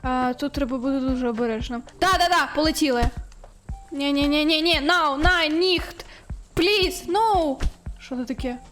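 Woman gaming streamer, high voice, excitable, shrieks when frustrated. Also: normal speed, faint music behind. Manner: talks to the game. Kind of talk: let's-play commentary.

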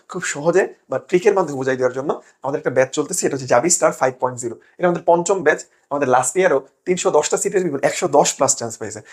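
A young man gives an exam-prep lesson at a rapid clip. His voice sits high. He keeps hammering each point home and checks in again and again that the students are keeping up. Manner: rapid, emphatic, keeps asking "ঠিক আছে?". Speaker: admission test tutor.

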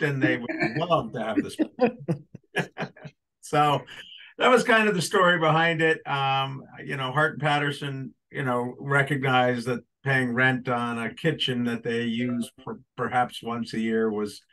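A man's voice: mid-range voice, bright, forceful tone, low-quality recording. A man who owns a property, heard over a group video-meeting call, explaining his permit request at a public hearing in an easygoing, rambling way. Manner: easygoing, rambling, with many fillers. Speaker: property owner applying for a permit.

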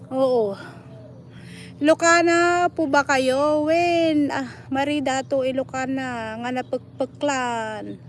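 Middle-aged Filipina vlogger, chatty and rambling, high voice, outdoor garden noise with birds. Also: female voice. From Philippines. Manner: chatty, rambling, reads viewer comments aloud. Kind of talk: casual live vlog chat.

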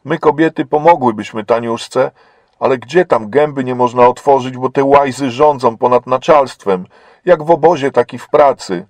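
A man voicing a bold young woman prisoner who pleads urgently and indignantly, raising his voice higher and louder. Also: normal speed, no room sound, lightly acted.

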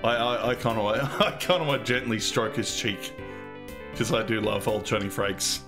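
A man's voice: lowish voice, normal speed, music in the background. A man casually commenting on an old computer game he plays, swearing and rambling. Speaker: let's play host.

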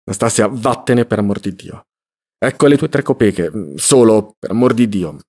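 Curt, brooding poor student read by a man, low-pitched, clipped replies. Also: animated, moderate pace, a little mellow.

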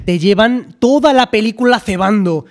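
A man's voice: high-pitched, normal speed. A man from co-hosting a casual podcast chat, teasing and joking as he talks. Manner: joking, teasing, repeats himself. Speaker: podcast co-host.

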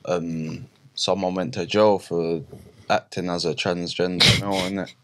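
Deep-voiced young London roadman. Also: level tone, a little slow, fairly bright tone, slight background noise. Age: young adult. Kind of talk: casual podcast chat in slang. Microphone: boom-arm podcast microphone.

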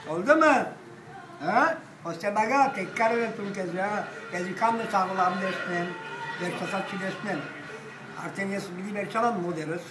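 An older man holding forth at a cafe table, boisterous and rambling, swearing and breaking into loud outbursts. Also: high-pitched, moderate pace, far from the mic, noisy background. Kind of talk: rowdy table talk. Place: cafe with glass front, indoors. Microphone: phone camera across the table. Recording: echoey room, voice off-mic, music behind.

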